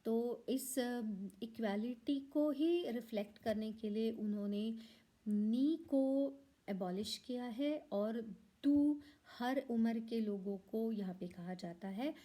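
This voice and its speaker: A woman talks through a language lesson at an unhurried pace. Her voice sits a little high but sounds mellow and soft, and she pauses often on fillers and restarts as she explains a table. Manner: slow and explanatory, with many fillers and restarts, mixing in English words. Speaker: language teacher.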